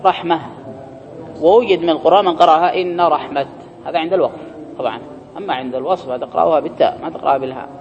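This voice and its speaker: High-voiced male grammar teacher, lecture-hall reverb, dull lo-fi sound. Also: rapid-fire, a little mellow, a little hiss or hum. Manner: reads the text aloud, then explains it and quizzes students. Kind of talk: classroom lecture reading and explaining a text.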